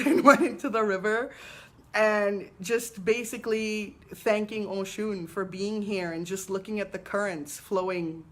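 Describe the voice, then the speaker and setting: Reverent woman spiritual teacher. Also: mid-range voice. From Trinidad and Tobago. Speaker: spiritual teacher hosting a weekly goddess talk. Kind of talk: live-streamed personal talk.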